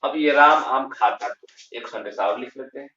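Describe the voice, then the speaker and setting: A man teaching English grammar in a lesson, slow and emphatic, repeating key terms and answering his own questions. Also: mid-range voice, pushed and bright. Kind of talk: classroom lesson explaining grammar. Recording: roomy, distant, dull lo-fi sound.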